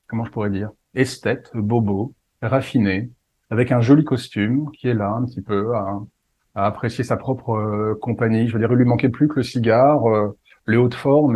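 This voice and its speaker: Mellow husky man telling a story. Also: mid-range voice. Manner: playful, self-mocking. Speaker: spiritual medium and storyteller. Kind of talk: casual storytelling.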